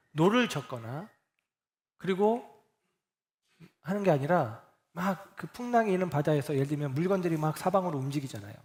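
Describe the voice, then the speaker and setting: A man's voice: a little high, a little mellow. Man preaching with rising, questioning emphasis. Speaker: pastor. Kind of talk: sermon.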